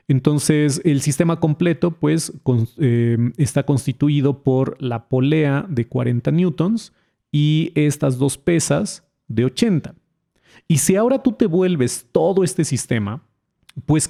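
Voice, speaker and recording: A man's voice: a little high, gravelly, dark tone. A man explaining a physics lesson in a casual, chatty way, talking straight to the viewer. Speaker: physics tutor.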